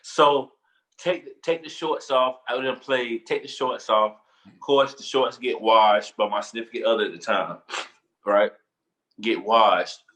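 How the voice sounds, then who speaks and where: Animated man telling a story. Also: medium pitch, measured pace, poor audio. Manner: animated, repeats phrases, laughs while telling. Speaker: podcast co-host. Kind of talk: casual storytelling chat.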